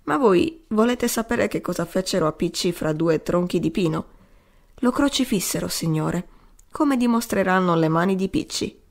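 A woman's voice: on the low side, expressive, moderate pace. A woman voicing a broken, grieving old male adventurer who rambles and keeps pleading "sir" at his listener. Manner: pleading, repeating "signore".

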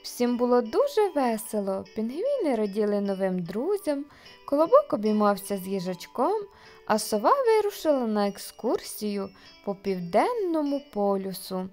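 Lively woman reading a children's story. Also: fairly high pitch, normal speed, faint music behind. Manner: lively, expressive read.

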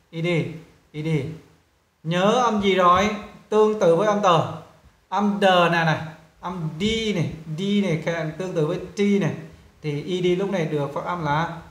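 A male English teacher with a Vietnamese accent, walking students through pronunciation and repeating model words slowly while checking whether they follow. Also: high-pitched, a bit bright, reverberant. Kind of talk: pronunciation lesson.

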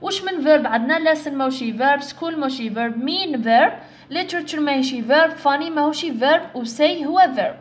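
A young woman with an Algerian Arabic accent, explaining an English exam step by step and reading English phrases slowly. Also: sits high, expressive. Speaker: English teacher. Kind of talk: exam-prep tutorial.

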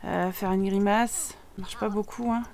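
A woman's voice: mid-range voice, fairly even intonation, a little slow, darkish tone. A French-accented woman commentating a life simulation game in casual chat, teasing her characters and often dropping to a whisper.

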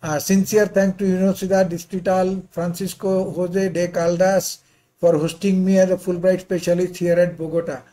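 A man's voice: sits high, flat delivery, moderate pace, warm tone. An older man giving a slide lecture over a video call in non-native-sounding English, courteous and given to informal, rambling asides. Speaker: visiting pharmacy professor and associate dean.

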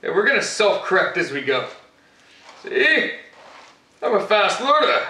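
A man's voice: sits high, sing-song, a little slow, bright, forceful tone, exaggerated voice. A young man playing Batman as a boastful cooking show host, rambling with fillers in a home kitchen, picked up by a far camera. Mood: cocky. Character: Batman, grown male hero, cocky and boastful. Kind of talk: comic cooking demonstration. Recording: echoey kitchen, mic far off.

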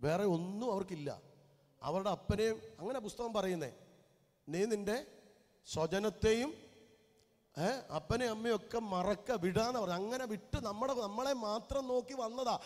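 Male preacher with a Keralite Malayalam accent, fairly high voice, repeats phrases as he builds to loud fervor; recorded in a reverberant church hall. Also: normal speed. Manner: swings from soft murmurs to loud fervent preaching; repeats phrases with rising intensity. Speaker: pastor. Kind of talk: sermon.

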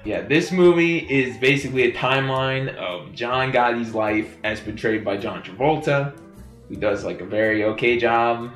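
A man reviewing a movie in casual, joking chat, talking quickly and bluntly. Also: medium pitch, fairly bright tone. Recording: roomy echo, faint music.

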